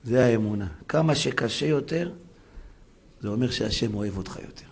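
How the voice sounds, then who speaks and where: A man preaching a sermon on faith with fervent conviction. His voice is mid-pitched, and he moves from loud calls down to hushed, pleading lines. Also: slightly rough. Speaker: religious preacher.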